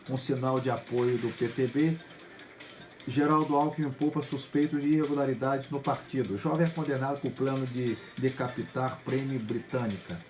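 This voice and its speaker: A man with a Brazilian accent, hosting a news program and reading a run of headlines in a brisk delivery with occasional slips. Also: medium pitch, steady tone, a little mellow, faint music behind. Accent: Brazilian Portuguese. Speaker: news host.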